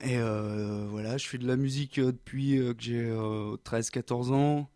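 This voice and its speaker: A man's voice: medium pitch, steady tone, normal speed, dark tone, no echo, clean studio sound. A man in his twenties from southern France, a musician guest talking hesitantly with many fillers and laughs. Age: 20s. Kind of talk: casual interview.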